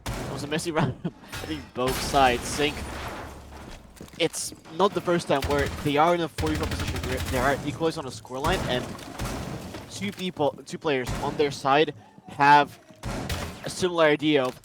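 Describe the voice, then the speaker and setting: Male esports analyst, halting delivery. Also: on the high side. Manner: hesitant, many fillers and restarts, rises to excitement on plays. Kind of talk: color commentary. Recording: noisy game stream with gunfire.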